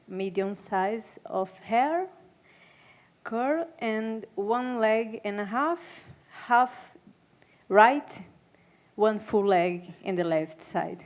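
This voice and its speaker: Slow, giggly woman speaker. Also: fairly low pitch, darkish tone. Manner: hesitant, giggly. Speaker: dancer, panelist.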